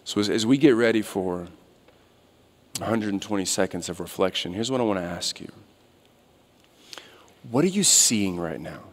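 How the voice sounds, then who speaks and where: A man in his thirties preaching as a guest speaker, shifting between quiet reflective asides and loud urgent appeals, on a church stage. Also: fairly low pitch, lively intonation, moderate pace, pauses often. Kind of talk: sermon. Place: large church sanctuary stage. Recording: long hall reverb.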